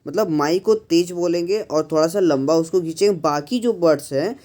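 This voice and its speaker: A man teaching an English lesson, explaining step by step with frequent pauses and mixing English phrases into his speech. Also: on the high side, warm tone. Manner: mixes English phrases into Hindi, slows to model sentence stress; frequent pauses with "uh" and "thik hai".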